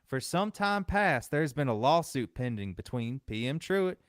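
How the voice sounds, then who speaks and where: A man reading an old newspaper account aloud in a mock Southern drawl, slow and measured. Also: mid-range voice, sing-song, clear, resonant tone, no echo, clean studio sound, lightly acted. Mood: solemn.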